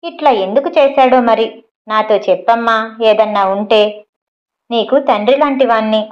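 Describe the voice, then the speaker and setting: A woman voicing a kindly, fatherly older man in an audio story, speaking gently and coaxingly. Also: on the high side, normal speed, dull audio, lightly acted. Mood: concerned.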